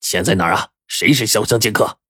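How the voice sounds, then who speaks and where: A man voicing a hot-tempered male gang boss posing as a police officer, shouting in alarm. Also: fairly low pitch, brisk, slightly rough. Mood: angry. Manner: shouting, startled.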